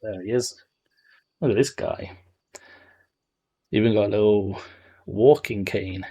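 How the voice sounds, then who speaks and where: Low, slow, husky male streamer, playful joking commentary to chat. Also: warm tone. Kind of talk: casual game stream commentary.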